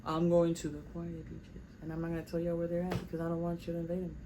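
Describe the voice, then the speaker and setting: Flat and fast, a young South Florida rapper from Miami talks on the high side against a noisy background. In this casual studio vlog, he rambles at length and keeps repeating himself.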